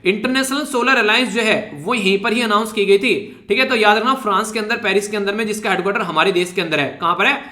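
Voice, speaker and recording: A man's voice: sits high, pushed and bright, echoey room. A man teaching current affairs for exam prep in a chatty lecture, with joking asides and frequent check-ins to his students.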